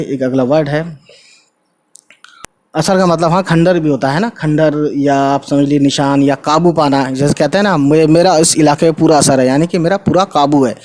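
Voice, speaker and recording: A man teaching an online Urdu writing lesson, spelling words slowly letter by letter and checking in with the viewers often. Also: fairly high pitch, a little mellow. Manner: spells out letters slowly, tags lines with "ठीक है" and "guys". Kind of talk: casual spoken lesson.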